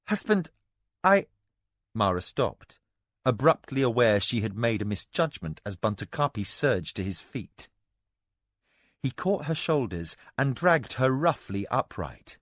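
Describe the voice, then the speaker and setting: A man narrating a fantasy novel as an audiobook, in a measured, expressive way. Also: medium pitch, no echo, studio quality.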